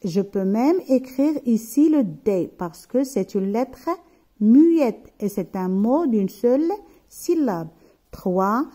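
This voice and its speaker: A woman leads a phonics lesson at a very slow, deliberate pace. Her voice sits a little high but sounds soft and mellow. She sounds out each syllable and often stops to check that her students are following. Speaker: teacher.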